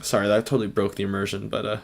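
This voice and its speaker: Young man, low voice, casual stream chat, playful, rambling, laughs often. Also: level tone, rapid-fire, creaky.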